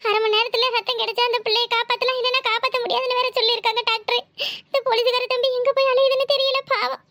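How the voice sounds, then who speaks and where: A woman's voice: very high-pitched, flat delivery, racing, bright, forceful tone, slight background noise, exaggerated voice. A woman voicing a fussy, superstitious older village mother-in-law in a cartoon, with a Tirunelveli Tamil accent and a scolding, fretful way of talking. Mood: worried. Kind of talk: cartoon voice acting.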